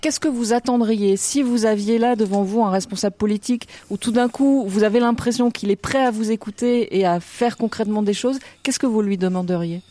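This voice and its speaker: A woman hosting a radio interview, asking gentle probing questions and rephrasing what her guests say. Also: mid-range voice, fairly quick, few pauses, dry recording. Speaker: radio host.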